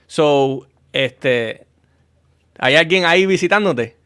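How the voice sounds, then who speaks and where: A man's voice: a little high, animated, slow, a bit bright, clear, resonant tone, dry recording, studio quality. A man in his thirties with a Puerto Rican accent, hosting a live stream interview in a casual, chatty way, jumping in with his own stories. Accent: Puerto Rican Spanish. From Puerto Rico. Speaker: host. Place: small home studio. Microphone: studio mic with headphones.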